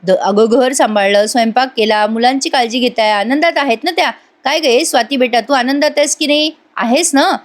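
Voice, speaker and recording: A woman voicing an older father who gently lectures his daughter, in a retold TV serial. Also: sits high, brisk, hardly any pauses, natural voice. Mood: coaxing. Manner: coaxing, lecturing.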